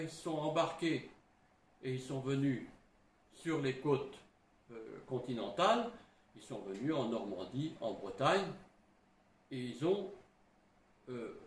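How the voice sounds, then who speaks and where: A middle-aged man speaks as a historian, slow and unhurried, his pitch rising and falling a lot. He talks in a halting way, restarting phrases and tagging them with little asides. The room sounds roomy, with faint ambience behind him. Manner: halting, frequent "hein" and restarts. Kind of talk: explanatory talk.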